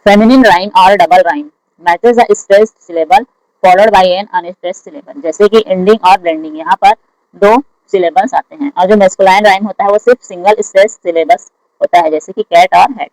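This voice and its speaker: An exam prep teacher who reads each English question aloud slowly and then explains the answer in Hindi. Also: mid-range voice, darkish tone, no room sound, rough recording. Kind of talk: lecture solving exam questions.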